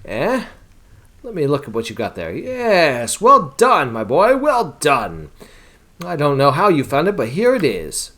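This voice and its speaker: A gruff old wizard, once proud and now humbled, talking down to a young hero as "boy", as a man voices him while reading game text aloud. The voice sits a little lower than a normal speaking voice, with lively swings in its intonation. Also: a little slow, heavily acted. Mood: pleased.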